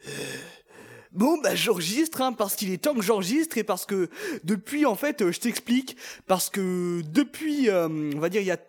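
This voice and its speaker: A man's voice: high-pitched, animated, normal speed, darkish tone, slightly rough. A man recording a casual, hesitant voice message to a friend. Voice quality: hesitant, many fillers.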